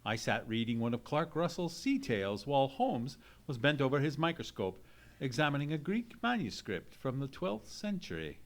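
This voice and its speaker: A man's voice: medium pitch, big pitch swings, moderate pace. A man playing a genteel, courteous doctor and loyal companion in an old-time radio mystery, speaking in formal Victorian phrases. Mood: measured storytelling. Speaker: narrator and actor in a live radio play. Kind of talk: old-time radio drama acting, storytelling. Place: live performance in a theatre.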